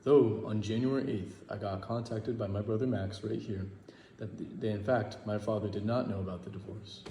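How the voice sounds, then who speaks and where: A nineteen-year-old man stating things calmly and matter-of-factly. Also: on the low side, moderate pace, roomy sound, big-room sound, a little hiss or hum. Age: late teens. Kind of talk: direct-to-camera statement.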